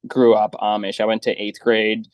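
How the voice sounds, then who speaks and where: A man's voice: on the low side, monotone, normal speed, dry recording. A man in his early thirties, a guest joining by video call, answering in a plain, modest, hesitant way. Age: 30s. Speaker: podcast guest. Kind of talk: casual interview answers. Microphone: remote video call.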